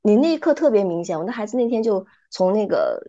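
A middle-aged woman speaking calmly and thoughtfully as a podcast guest, retelling little stories as she reflects. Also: mid-range voice, fast, lo-fi sound. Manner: calm, thoughtful, retells stories with light acting. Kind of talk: reflective casual chat with storytelling.

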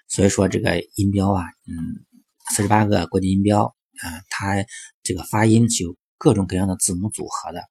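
A man's voice: sits low, gravelly, a little mellow, breathy edge, dry recording. A man talking through English pronunciation in a chatty explanatory monologue, dropping in lots of fillers and rhetorical questions. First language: Chinese. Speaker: English teaching commentator.

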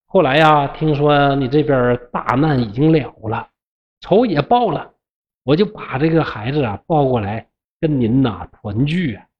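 The storyteller voicing a gentle, capable fox spirit woman, in a soft, lowered, steady Northeastern Mandarin manner, on a dull lo-fi recording. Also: moderate pace, close to an everyday voice. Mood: calm.

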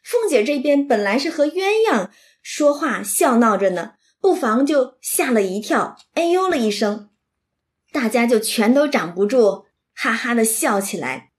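A woman's voice: on the high side, very animated, unhurried. A woman retelling and explaining a classic novel in a chatty lecture, often checking in with her listeners. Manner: chatty, asks listeners for agreement. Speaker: literature explainer.

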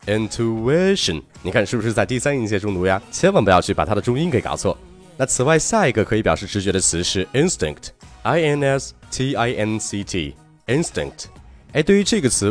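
A man hosting a podcast English lesson, upbeat, spelling words out letter by letter and repeating example sentences slowly. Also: lowish voice. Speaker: English teacher and podcast host.

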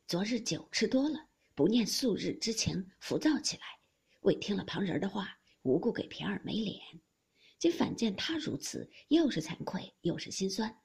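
Woman narrator, audiobook, classic novel, breathy, lively pitch. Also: normal speed. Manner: expressive storytelling.

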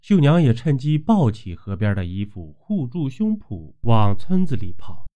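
A man narrating a folk tale in a lively, expressive way, with frequent exclamations. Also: medium pitch, unhurried. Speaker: storyteller. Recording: dull lo-fi recording.

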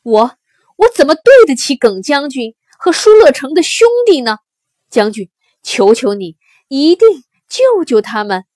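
A woman voicing a tearful, furious male army envoy who shouts and pleads for rescue. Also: sits high, very animated, measured pace, no echo, pitched above the performer's own voice. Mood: pleading.

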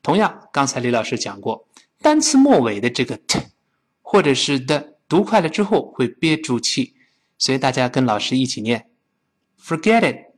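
A man's voice: medium pitch, big pitch swings, normal speed, slightly rough. A man teaching spoken English, a native Chinese speaker who models short phrases for students to repeat.

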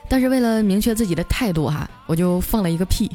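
A woman radio host, telling funny office stories in a lively, chatty way and laughing at her own punchlines. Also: mid-range voice, quick pace, music in the background. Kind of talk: comic storytelling.

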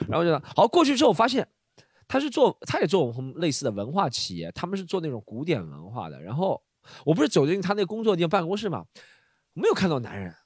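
Guy host telling a story fast, high voice that jumps all over, dry close sound. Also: husky, dry recording. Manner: animated, acts out quoted lines, laughs often. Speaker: podcast host. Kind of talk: casual storytelling chat.

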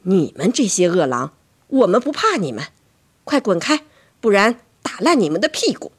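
A woman voicing a fierce, protective mother in a bedtime story, scolding loudly. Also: medium pitch, big pitch swings, normal speed, slightly rough. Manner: loud, scolding.

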